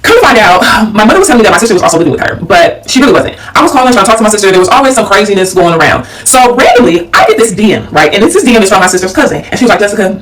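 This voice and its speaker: Rapid-fire young woman with retainer lisp. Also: mid-range voice, big pitch swings. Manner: chatty, addresses listeners as y'all and girl. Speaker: storyteller. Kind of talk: casual storytime monologue. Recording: voice a bit far from the mic.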